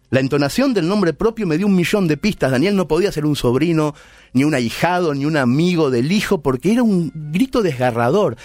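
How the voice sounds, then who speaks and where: A man's voice: a little high, darkish tone, dry recording. A middle-aged man with an Argentine accent telling a story in a playful, conversational way. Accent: Argentine Spanish. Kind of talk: storytelling monologue.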